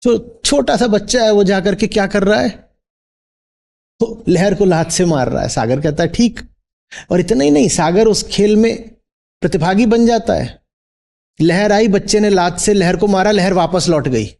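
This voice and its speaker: A man's voice: high-pitched, animated, normal speed, vocal fry, darkish tone. A man teaching as a spiritual teacher in a discourse, posing rhetorical questions and checking in with his listeners.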